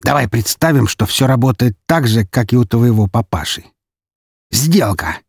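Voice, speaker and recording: A man's voice: mid-range voice, normal speed, breathy edge, no echo, studio quality. A man voicing a scarred, cunning count with a mocking, gleeful manner. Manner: mocking, gleeful, raised lively delivery.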